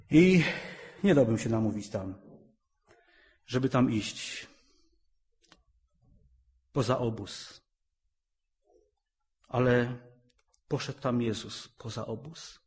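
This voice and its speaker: Fervent male preacher, swings loud and soft. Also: medium pitch, slow, long pauses. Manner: fervent, rising to loud emphatic peaks; repetitive, rhythmic phrasing. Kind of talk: sermon.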